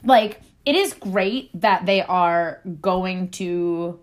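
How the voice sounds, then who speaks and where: A woman's voice: lowish voice, extremely slow. A woman co-hosting a casual podcast, talking in long run-on thoughts full of hedges and restarts. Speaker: podcast co-host. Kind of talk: casual chat.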